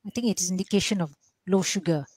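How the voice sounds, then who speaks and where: A woman's voice: lowish voice, fast, darkish tone, breathy edge, no echo. A woman moderating a webinar, reading out audience questions plainly.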